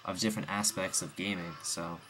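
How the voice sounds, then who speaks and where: A man's voice: deep voice, steady tone, fairly quick, sharp tone, a little hiss or hum. A young man with the hiccups giving a rambling, casual game review voice-over, full of ums and restarts.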